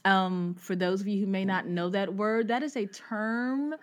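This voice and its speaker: A woman's voice: medium pitch, measured pace. A middle-aged woman, a teacher, talking candidly as a podcast guest and acting out her classroom voices with bursts of laughter. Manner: animated storyteller who acts out her classroom voices with laughter. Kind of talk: candid conversational interview.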